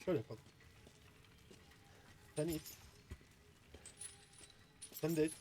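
A man's voice: a little high, slow, dark tone, a little hiss or hum. A man commentating his own video game play, muttering to himself in frustration as he works through a puzzle. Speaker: gaming streamer.

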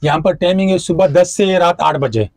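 A man, a shopkeeper showing clothes and briskly repeating prices on a lapel mic in a crowded market shop. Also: high-pitched, darkish tone, dry recording. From Pakistan. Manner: brisk, repetitive price listing. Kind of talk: showing goods and quoting prices.

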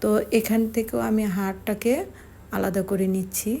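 Woman cooking-channel host, dark mellow voice, patient step-by-step delivery. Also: mid-range voice, level tone, gravelly, a little hiss or hum. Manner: slow, step-by-step explaining with fillers. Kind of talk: home cooking tutorial narration.

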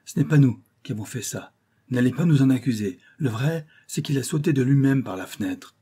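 A man voicing a rough sailor in an audiobook, gruffly making excuses. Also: mid-range voice, normal speed, mellow, natural voice. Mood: defensive. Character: rough male sailor, nervous and defensive.

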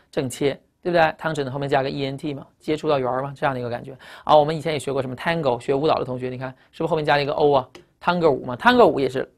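Teaching English vocabulary in a recorded lecture, a low-pitched woman with Chinese as her first language drives points home emphatically. She asks rhetorical questions and spells out word roots.

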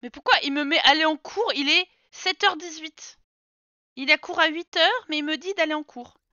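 A woman's voice: sits high, moderate pace, sharp tone, no room sound. A young woman from France chatting casually over gameplay, teasing the characters she controls. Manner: chatty, teasing, talks to her game characters. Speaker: streamer. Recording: dull lo-fi sound with game music behind.

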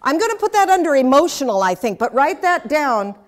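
A woman's voice: high-pitched, very animated, a little fast. Chatty older woman teaching a class. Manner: chatty, anecdotal, with humorous asides. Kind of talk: interactive talk with audience questions.

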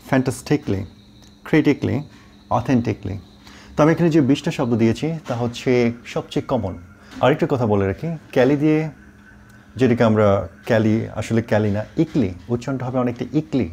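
A middle-aged man who teaches English, explaining pronunciation and spelling words out slowly, mixing English words into his talk. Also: medium pitch, dark tone. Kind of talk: online pronunciation lesson.

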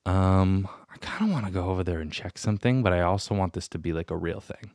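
A man's voice: deep voice, animated, quick pace, a little mellow, no echo, clean studio sound. A young man hosting his own podcast, rambling and self-deprecating in a casual solo chat. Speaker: podcast host. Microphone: studio mic with headphones.

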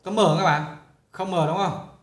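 A man's voice: sits high, fairly even intonation, normal speed. A male English teacher, explaining a lesson in a chatty way and often repeating himself. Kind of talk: casual classroom explanation. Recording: roomy echo.

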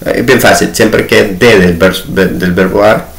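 Deep gravelly man teaching grammar. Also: steady tone, fairly bright tone. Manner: patient, repeats examples slowly. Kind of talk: spoken grammar lesson. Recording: echoey room.

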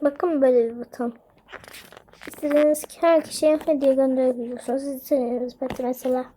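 A young woman talks casually over her gameplay in a high voice. She is excitable and breaks into delighted squeals. A faint hiss sits under the recording. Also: a little fast. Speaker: gaming channel host. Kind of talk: casual game commentary.

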